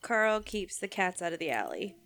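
A woman's voice: fairly low pitch, very animated, normal speed, a bit bright. A woman playing her character in a tabletop role-playing game, talking casually with a drawl. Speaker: player.

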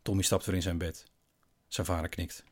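Low, hushed male storyteller. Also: level tone, breathy edge. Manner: quiet, slow, hushed with long pauses. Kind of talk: scripted narration of a bedtime horror story.

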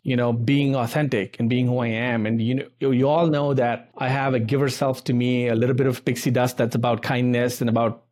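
A man's voice: medium pitch, a little mellow. A man hosting a podcast, talking in an effusive, earnest way with lots of casual fillers over a video call. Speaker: podcast host.

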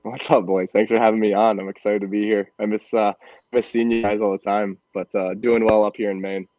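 A man in his twenties from Michigan, a guest on a sports podcast, telling stories in a relaxed, laid-back way. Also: fairly low pitch, a little fast, dry recording, highs cut off. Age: 20s. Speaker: podcast guest, college hockey player. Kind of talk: casual interview chat.

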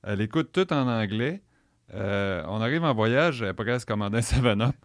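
Lively Quebec French man telling stories. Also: lowish voice, fast, no echo, clean studio sound. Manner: animated storyteller, mimics others' speech. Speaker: chef and cookbook author. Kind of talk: casual podcast chat. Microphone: studio mic.

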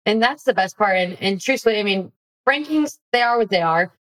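A young woman, a former college softball player, hosting a podcast with upbeat, encouraging chat. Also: mid-range voice, animated, a little fast, poor audio. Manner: upbeat, encouraging, reads ad lines. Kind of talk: casual interview chat.

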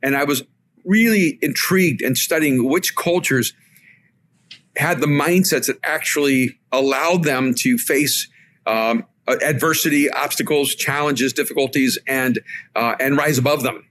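Spanish-native man, podcast guest, thoughtful storyteller, steady mid pitch. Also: unhurried, a little hiss or hum. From El Salvador. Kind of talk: reflective storytelling. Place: remote call from home.

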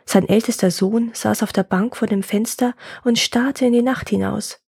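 A woman reads a legend in a calm, measured storytelling voice, her tone slightly gravelly and husky. The recording is close and dry, with no room sound. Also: mid-range voice, dry recording. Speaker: storyteller and podcast host. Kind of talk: scripted fairy-tale narration.

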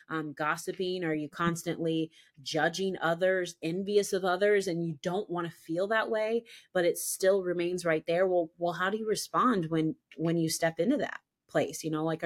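A woman guest on a faith podcast, speaking with a somewhat low voice. She talks earnestly and with emphasis as she shares her personal testimony, often repeating herself to press a point home. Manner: earnest, emphatic, repeats "I'm telling you".

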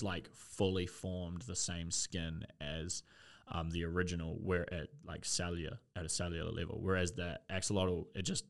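Aussie guy rambling on a podcast, real deep gravelly voice, swears a lot. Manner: rambling, sweary, lots of fillers. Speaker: podcast co-host. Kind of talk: casual chat.

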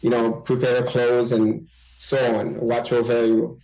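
A man from Haiti, a journalist guest in an interview, talking haltingly with many fillers and restarts. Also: mid-range voice, completely flat delivery, vocal fry, mellow. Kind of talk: interview conversation. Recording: roomy echo.

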